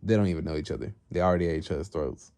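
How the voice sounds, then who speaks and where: Deep-voiced man casually retelling a story. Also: steady tone, rapid-fire, mellow. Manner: casual, slangy, conversational. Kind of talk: casual retelling of a fan comic.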